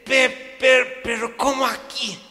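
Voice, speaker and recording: A man's voice: very high-pitched, little pitch movement, takes it slowly, sharp tone, voice pushed up, full character voice. A man with a Mexican accent voicing a panicked middle-aged husband who stammers and repeats every word. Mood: bewildered. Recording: live hall recording, audience, echo.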